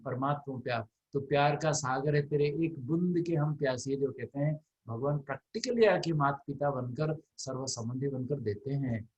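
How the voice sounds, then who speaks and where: A middle-aged man giving a devotional class, telling warm stories and acting out the elders he quotes. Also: mid-range voice, normal speed, hardly any pauses, lo-fi sound. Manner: animated storytelling, acts out quoted elders in soft and raised voices. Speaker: spiritual class teacher. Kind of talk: devotional storytelling talk.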